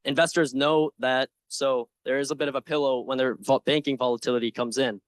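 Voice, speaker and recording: A young man confidently and earnestly giving a prepared investment pitch with slides, with some informal asides. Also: fairly even intonation, a little fast, dry recording. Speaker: presenter in a stock pitch competition.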